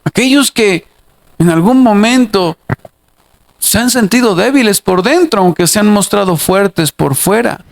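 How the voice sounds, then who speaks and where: A man's voice: sits high, lively intonation, measured pace, vocal fry. A male pastor preaching an expository sermon, reading Bible verses aloud and putting questions straight to the congregation. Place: church.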